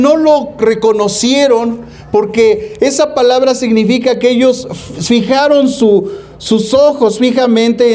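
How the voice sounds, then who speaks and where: A man's voice: very high voice, darkish tone. A man with a Mexican accent, preaching as pastor. He talks in a folksy, colloquial way, calls out to his listeners as brothers and asks them questions. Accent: Mexican Spanish. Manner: folksy, colloquial preaching that slips into street slang; rhetorical questions, calls the congregation "hermano". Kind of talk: sermon.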